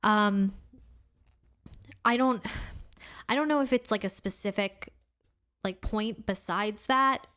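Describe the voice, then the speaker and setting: This podcast co-host takes things slowly, pausing often, in a medium-pitched voice with a fairly bright tone. Chatting casually, she is enthusiastic and keeps reaching for filler words like "like" and "really cool."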